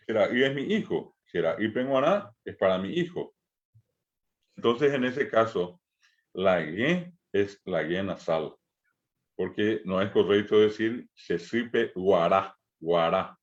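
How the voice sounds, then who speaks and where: A middle-aged man with a Paraguayan Spanish accent teaching a language lesson, slowly repeating each sound for learners to copy. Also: fairly low pitch, muffled recording.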